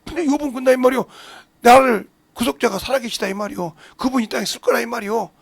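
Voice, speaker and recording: A pastor preaching a sermon with passion, swinging between shouts and low mutters and firing rhetorical questions at the congregation. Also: male voice, quick pace, creaky, dry recording.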